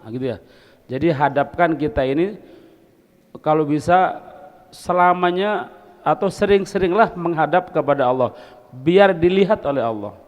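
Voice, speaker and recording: A man leads a religious study circle and talks in a relaxed, folksy way. He asks his listeners questions as he goes. His voice sits a little high and carries a long reverb from the hall. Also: normal speed, pauses often, muffled recording. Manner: folksy and conversational, asks the audience questions, mixes in Arabic phrases. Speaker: religious teacher. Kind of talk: Islamic study-circle sermon. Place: hall of a boarding school.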